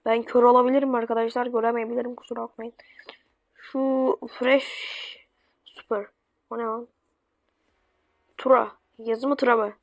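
A woman's voice: on the high side, level tone, fast, no echo. A woman giving chatty let's-play commentary to her viewers, swearing when flustered. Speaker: gaming YouTuber. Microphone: phone screen recording.

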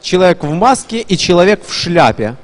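A man's voice: high voice, big pitch swings, fairly quick. A man giving casual live commentary on a fighting game tournament, chatty, with playful asides. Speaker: esports commentator. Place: live gaming tournament event.

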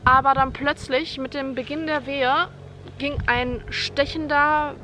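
A woman's voice: high-pitched, steady tone, unhurried, pushed and bright, slight background noise. A young woman vlogging a personal story, retelling it vividly and dramatically at home. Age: young adult. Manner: vivid, dramatic retelling, acting out her own screams and quoting others. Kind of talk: personal birth story told to camera.

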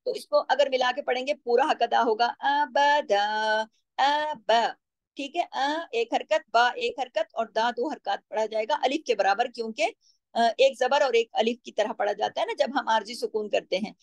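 A high-voiced woman gives a patient recitation lesson, breaking words apart and stretching them slowly as she demonstrates. Her voice is close and dry, with no room sound around it. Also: dry recording. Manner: patient, explanatory, slows to drawn-out chanted demonstrations of words. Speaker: Quran recitation teacher.

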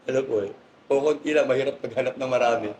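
A man guest telling animated, laughing anecdotes in a casual interview, polite and respectful to his host. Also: medium pitch, fast, a little hiss or hum, poor audio. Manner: polite, says "po" and "sir". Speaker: guest pigeon racer.

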